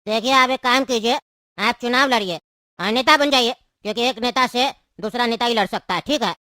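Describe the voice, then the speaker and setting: A woman's voice: a little high, brisk, bright, forceful tone, no echo, voice pushed down. A woman voicing a sleepy man who gives cynical advice in a cartoon, with a drawling manner.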